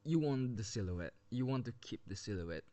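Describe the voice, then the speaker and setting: A man's voice: medium pitch, lively intonation, normal speed, mellow, no room sound. A man giving casual commentary on game skins, rambling with many restarts and running out of breath, recorded on a built-in device mic under a blanket. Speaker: video game skin reviewer. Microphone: built-in device mic without headset.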